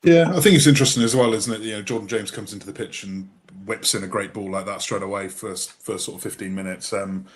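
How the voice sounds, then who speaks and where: A man's voice: lowish voice, fast talker, hardly any pauses. A man co-hosting a casual football podcast, a referee himself, talking things through with many fillers and tag questions. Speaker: co-host, referee.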